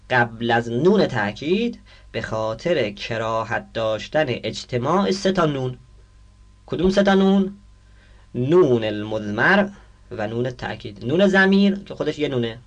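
A man teaching a grammar lesson, reading out Arabic text and explaining it, often asking the class questions and answering them himself. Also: medium pitch.

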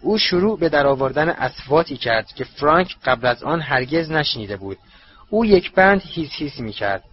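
A man narrating a storybook audiobook in a measured, dramatic way with a husky voice. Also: fairly high pitch, lively intonation, muffled recording.

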